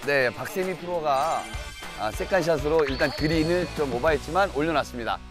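A man's voice: on the high side, a little fast. A man commentating on a televised golf match, moving between explanation and exclamation. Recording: commentary over show music.

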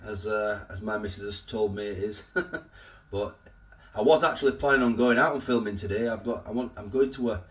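A man's voice: medium pitch, normal speed. A man with a nasal voice from a cold, chatting casually in his kitchen as he reviews food for his vlog. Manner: chatty and rambling, with filler restarts. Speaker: food vlogger. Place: home kitchen. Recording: slightly distant from the mic.

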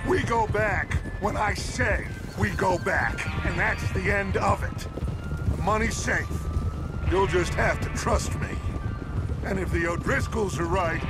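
An actor playing a stern, rallying middle-aged American outlaw gang leader with an authoritative, theatrical delivery in a western game. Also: male voice, high-pitched. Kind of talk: cinematic western game acting. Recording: loud music, horse hoofs behind.

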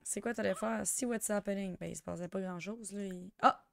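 A young woman with a Quebec French accent chatting through a life-sim game, excitable and sprinkling in English slang. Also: mid-range voice, a little fast, creaky, no room sound, clean studio sound, soft background music. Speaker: gamer. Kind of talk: let's play commentary.

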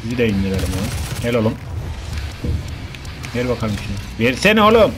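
A man's voice: fairly low pitch, steady tone, fairly quick. A man commentating his own gameplay in a casual, grumbling way, cursing and getting easily frustrated as he plays. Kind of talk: casual let's play commentary. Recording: game music loud behind voice. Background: loud game music.

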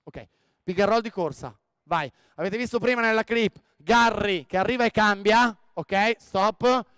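A man running a basketball coaching clinic on the court, directing players with quick commands and frequent "ok?". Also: high voice, fairly bright tone, smooth, dry recording. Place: indoor sports hall.

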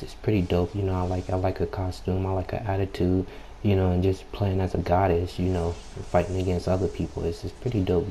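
A young man with a low, subdued voice giving unhurried, laid-back, slangy casual gameplay commentary. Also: warm tone. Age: young adult. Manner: unhurried, laid-back, slangy, frequent "you know" filler; keeps clearing throat. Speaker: gaming YouTuber. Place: at home late at night, people nearby. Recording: home mic with background noise.

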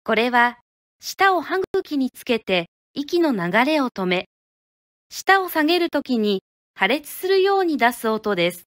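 A woman from Japan teaches pronunciation in a high, light voice, spacing her words out slowly. She models each sound carefully and deliberately. The recording is dry and close, with no room sound. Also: very animated, fairly bright tone, dry recording. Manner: clear, deliberate, demonstrates sounds syllable by syllable.

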